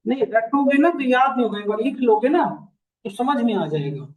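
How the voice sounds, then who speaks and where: A man teaching a class, mixing English phrases into his Hindi and repeating key lines slowly for students to write down. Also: very high-pitched, sing-song, breathy edge, rough recording. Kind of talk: classroom lecture.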